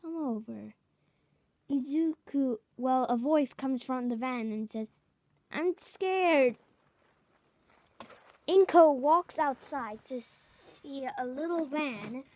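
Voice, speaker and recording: A woman improvising a fan story out loud, halting and correcting herself as she goes. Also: sits high, no room sound. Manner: halting, self-correcting, clears throat.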